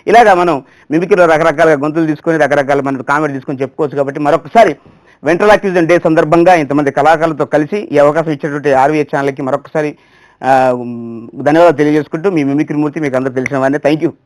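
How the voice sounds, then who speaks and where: Rapid-fire mimicry storyteller. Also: male voice, on the high side. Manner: rapid comic narration, switching voices. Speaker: mimicry artist.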